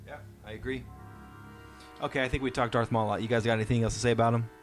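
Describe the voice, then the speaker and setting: This thirtysomething dad racing through his words has a medium-pitched voice with fairly even intonation, faint music playing underneath. On his podcast he casually tells his kids stories from his own life.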